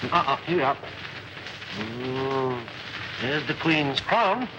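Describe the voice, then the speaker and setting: A mildly grumbling gentleman in a 1930s Hollywood picture. He speaks very slowly over a noisy old soundtrack. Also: medium pitch, lively intonation. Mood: absorbed. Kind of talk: 1930s Hollywood film acting.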